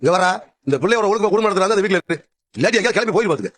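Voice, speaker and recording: A middle-aged man playing the father in a TV family drama, speaking in a gruff, fatherly way. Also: high voice, expressive, very fast, a bit bright, dry recording. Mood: stern. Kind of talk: TV serial acting.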